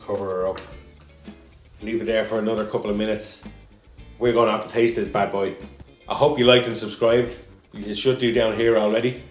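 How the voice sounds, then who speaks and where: A lower-pitched man chats his way through a cooking show, joking and wandering off topic as he goes. His voice bounces around a roomy home kitchen, with faint music under it. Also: level tone, brisk, pauses often. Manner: joking, rambling, chatty. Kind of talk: casual cooking chat.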